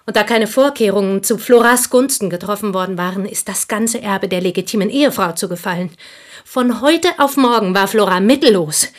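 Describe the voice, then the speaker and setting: The role here is a possessive, intense village schoolteacher in a German radio drama, voiced by an actress who confides deliberately and often sinks toward a whisper. Her medium-pitched delivery is lightly acted, with a fervent, urgent mood.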